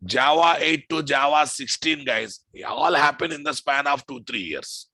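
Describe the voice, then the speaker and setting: A man's voice: on the high side, expressive, moderate pace, sharp tone, no room sound. A man with a Telugu Indian English accent lecturing informally as a programming instructor, emphatic, repeating phrases and often checking with the class through questions.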